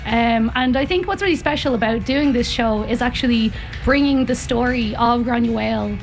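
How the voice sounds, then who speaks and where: A woman's voice: fairly high pitch, moderate pace, creaky, faint music behind. Young woman with a Dublin accent. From Ireland, grew up in North County Dublin. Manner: chatty, many ums and uhs. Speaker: circus performer guest. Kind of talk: casual radio interview. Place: live radio broadcast on location.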